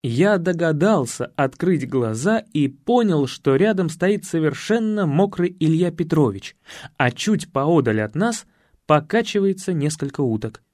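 A man reading a comic story aloud, his voice rising and falling with expression. The recording is close and dry, with a slightly higher than usual pitch. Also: lively intonation, a little slow, a little mellow, no room sound. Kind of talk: audiobook narration.

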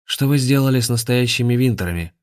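A man's voice: fairly low pitch, moderate pace, voice pushed up, natural voice. A man voicing a scheming villainous male grandmaster who leads a cult, venomous and commanding.

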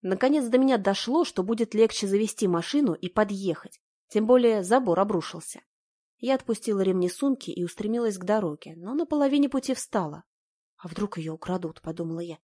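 Brief: woman reading a first-person story aloud, dramatic and emotional, middle pitch. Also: lively intonation, brisk, dark tone. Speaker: audiobook narrator. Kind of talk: first-person audiobook narration.

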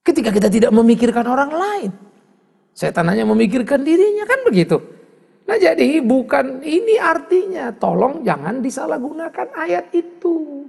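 A male pastor preaching a sermon in an animated way, with mocking asides and rising exclamations. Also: very high voice, creaky, slightly rough. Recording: long hall reverb.

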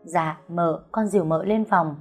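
A woman's voice: lowish voice, unhurried, husky, faint music behind. A woman voicing a jittery young maid. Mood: worried. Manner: breathless, fretful and talkative. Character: young frightened chatty housemaid girl.

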